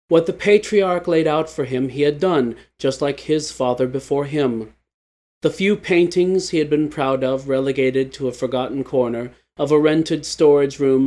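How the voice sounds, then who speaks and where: A man reading a literary short story aloud in a measured, somber way. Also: mid-range voice, mellow. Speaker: narrator. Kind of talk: scripted literary narration.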